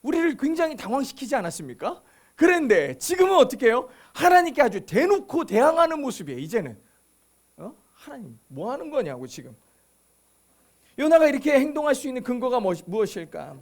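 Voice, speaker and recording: A pastor with a very high voice for a man delivers a sermon. He makes his points emphatically, repeating lines and posing rhetorical questions to the congregation. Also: big pitch swings, a little fast.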